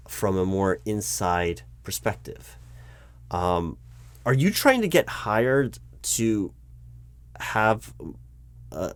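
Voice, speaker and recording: In a one-sided interview roleplay, a man with a low voice plays a recruiting manager who is flustered and awkwardly polite. He speaks hesitantly and keeps repeating his words.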